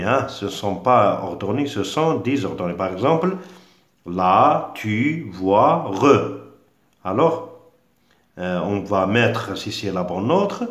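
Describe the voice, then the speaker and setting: Slow, lively-pitched man teaching French. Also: echoey room. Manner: patient and repetitive, spells out letters, many fillers. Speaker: primary school French teacher. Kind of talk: exam revision lesson.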